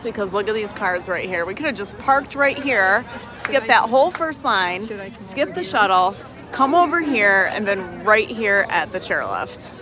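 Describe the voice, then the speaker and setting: A woman films a casual travel vlog out in the open. She talks in a chatty, exclaiming way, narrating the outing as it goes, at a middling pitch. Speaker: travel vlogger. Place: outdoors at a mountain resort.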